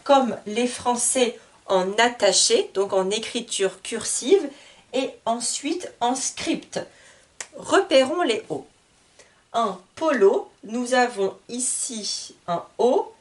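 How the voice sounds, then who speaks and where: A woman teaching a beginner reading lesson, speaking patiently and carefully and repeating each word. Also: fairly high pitch. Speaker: French teacher. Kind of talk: slow, clear reading lesson for learners.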